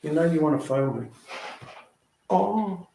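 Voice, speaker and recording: A man's voice: medium pitch, normal speed. A man hosting a live phone-in stream, chatting casually and waffling with matey slang. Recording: echoey room, faint noise.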